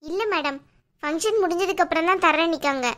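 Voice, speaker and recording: A woman doing a makeup artist in a cartoon with a very high voice. She is polite on the surface and a little touchy about her pride. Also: fast, a bit bright. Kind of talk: cartoon voice acting.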